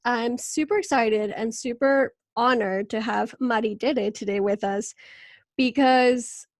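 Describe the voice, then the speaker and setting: A woman's voice: fairly high pitch, a little slow, dry recording. A woman from Venezuela hosting a podcast interview, bubbly and laughing often in casual chat. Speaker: podcast host.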